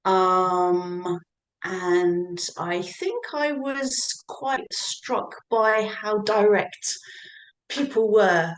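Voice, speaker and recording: A woman's voice: mid-range voice, animated, drawn-out words, reverberant, rough recording. A woman who teaches English, telling about living abroad in a hesitant way with many fillers. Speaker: English for academic purposes teacher. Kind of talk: casual introduction at an online event.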